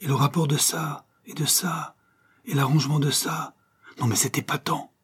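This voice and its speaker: A man's voice: on the high side, normal speed, husky, voice pushed up. A man voicing a grief-stricken widowed painter who breaks into feverish, exclaiming talk. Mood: enraptured. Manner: anguished then feverishly excited exclamations.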